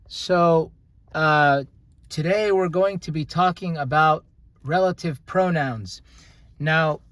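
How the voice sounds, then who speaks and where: Speaking in a slightly high voice with no echo around it, a young man teaches grammar in an easygoing way. As a language teacher, he goes slowly, hesitates a lot, and keeps restarting with plenty of fillers.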